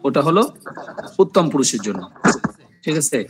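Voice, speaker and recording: A man's voice: fairly high pitch, big pitch swings, normal speed, heavy background noise. Bengali-speaking male Arabic teacher drilling terms. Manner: repetitive drilling, asks "ঠিক আছে?" often. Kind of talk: online class lecture.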